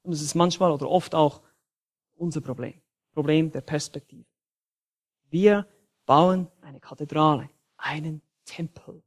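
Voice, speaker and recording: Emphatic German preacher, high voice. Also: male voice, measured pace, pauses often. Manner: emphatic preaching with dynamic shifts in loudness. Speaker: pastor. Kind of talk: sermon.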